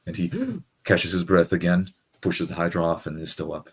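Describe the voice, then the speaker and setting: A man with a low, rough-edged voice narrates his character's plight as a player in a tabletop fantasy game. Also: flat delivery, normal speed.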